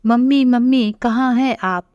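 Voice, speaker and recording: A woman's voice: on the high side, measured pace, mellow, clear, resonant tone, no echo, close to an everyday voice. A woman voicing a spoiled young married daughter who whines resentfully about her in-laws, on a dull lo-fi recording. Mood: complaining. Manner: whiny, resentful.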